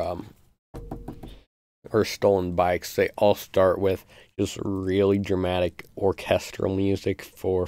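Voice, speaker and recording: A man with a deep voice that has a gravelly, fry-laden edge, walking through a beat on a live stream. He talks casually and rambles, with plenty of ums. The sound is close and dry, with no room echo. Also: a little mellow. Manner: casual, loose explanations with many fillers. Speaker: music producer.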